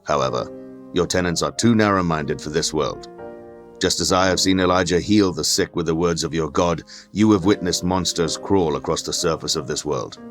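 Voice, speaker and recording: In an audio drama, a male actor with a low-sitting voice plays a haughty, learned skeptic. The performance is formal and condescending, and the character is given to lecturing.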